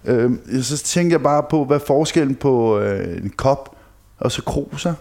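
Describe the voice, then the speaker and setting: A man co-hosting a casual podcast, wondering aloud over small things. He rambles in good humour and takes jokes at his own expense. His voice sits at an ordinary middle pitch. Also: lively intonation, darkish tone. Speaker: podcast co-host. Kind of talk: casual banter.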